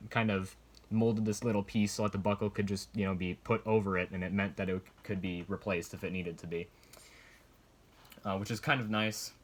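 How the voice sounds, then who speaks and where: Low-voiced man, casual rambling reviewer. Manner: rambling, hesitant, hedging explanations. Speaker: collector reviewing military surplus gear. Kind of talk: casual unscripted show-and-tell review.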